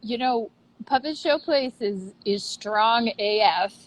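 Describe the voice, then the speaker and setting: Fairly high in pitch and taking it slowly, the director is heard over slight background noise on a rough recording. She chats happily as a video interview guest on a phone or laptop, passing between the puppet theater's outside and its lobby.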